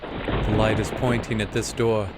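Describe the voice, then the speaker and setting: A man's voice: lowish voice, level tone, a little slow, noisy background. A man doing horror game playthrough commentary, bantering and reading in-game text aloud with playful theatricality. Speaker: video game streamer. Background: game music.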